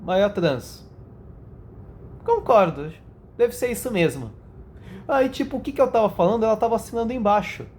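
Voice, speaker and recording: Vlogger, casual rant, profane, slangy, mid-pitched voice, mimics others when quoting, faint background ambience. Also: lively intonation, moderate pace, long pauses, a little mellow, slight background noise. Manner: profane, blunt, slangy storytelling; laughs at own stories, jumps up in pitch for emphasis.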